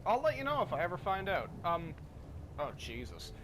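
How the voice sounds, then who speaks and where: A man's voice: high-pitched, huge pitch swings, normal speed, fairly bright tone, slight background noise, poor audio. A man giving casual, rambling, self-deprecating commentary while playing a video game. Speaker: gaming commentator. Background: faint game music.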